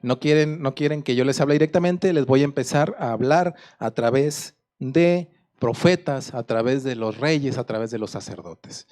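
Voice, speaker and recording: A man voicing God in a sermon retelling, speaking in a gentle, reassuring way. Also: mid-range voice, normal speed, voice pushed down, close to an everyday voice. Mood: resigned. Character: God, calm reassuring male deity speaking.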